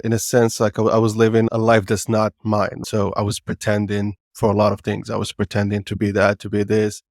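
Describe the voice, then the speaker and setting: A man's voice: fairly low pitch, dry recording, clean studio sound. A man from Morocco, a podcast guest, talking casually and candidly in a loose, rambling, reflective way. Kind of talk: casual interview talk.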